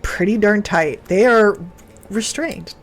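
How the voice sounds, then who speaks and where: A woman's voice: medium pitch, slow. A woman running a tabletop game as game master, narrating in a rambling way with fillers and self-corrections.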